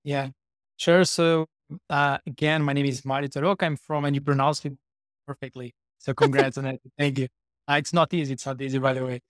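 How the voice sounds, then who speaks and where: Man, from Portugal, 30s, podcast guest, flat even delivery, dry sound. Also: mid-range voice, fairly quick, dry recording. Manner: chatty, many fillers and restarts. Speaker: guest, startup co-founder. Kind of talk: casual interview talk.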